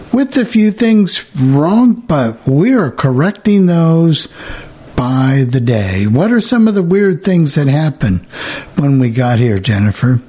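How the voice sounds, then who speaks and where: A man's voice: a little high, mellow, husky. A man hosting a show with casual, rambling, folksy unscripted chat. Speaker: show host.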